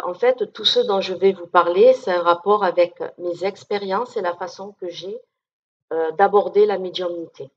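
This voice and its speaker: Chatty down-to-earth woman, lo-fi recording. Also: lowish voice. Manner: down-to-earth, chatty, many fillers and check-ins. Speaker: medium giving a talk. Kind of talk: informal conference talk to an audience. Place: conference room with an audience.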